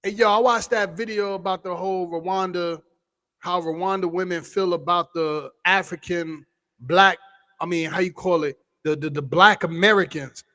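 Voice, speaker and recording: A man hosting a casual vlog, giving exuberant, slangy shout-outs to his viewers. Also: sits high, fairly even intonation, moderate pace. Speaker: vlog host.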